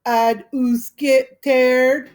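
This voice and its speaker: Woman doing a shrill, screeching crazed boy. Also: flat delivery, drawn-out words, darkish tone. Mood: mocking. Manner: screeching, mocking sing-song. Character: manic boy acting crazy, high and shrill.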